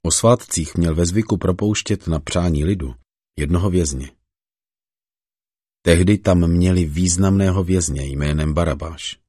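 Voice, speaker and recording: A man reads scripture in a measured, solemn way. His voice sits extremely low and comes out husky, and the recording is dry with no room sound. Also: warm tone, no room sound. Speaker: scripture reader.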